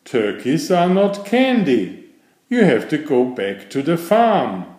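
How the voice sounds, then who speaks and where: A bossy little elf guard barks orders in a storybook reading, as a man plays him. His voice is high, loud and scolding. There is echo all around. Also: big pitch swings, slow pace. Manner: sharp, scolding.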